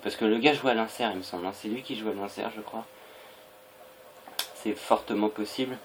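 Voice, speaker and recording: Low-voiced young man, hesitant gaming commentary. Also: fairly quick, a little hiss or hum. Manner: hesitant, rambling delivery. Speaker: gaming video creator. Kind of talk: casual gameplay commentary.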